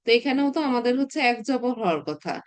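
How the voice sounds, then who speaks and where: High-voiced woman teaching a class. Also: animated, quick pace. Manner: patient explaining, repeats filler words while thinking. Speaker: Arabic teacher. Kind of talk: recorded online class lecture.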